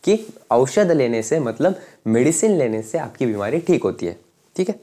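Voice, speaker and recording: Man, young adult, teacher, mid-pitched, explanatory lecture to camera, frequent check-ins. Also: sing-song, normal speed, dark tone. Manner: repeats "ठीक है?" checks often, explains with everyday examples. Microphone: speaking to camera.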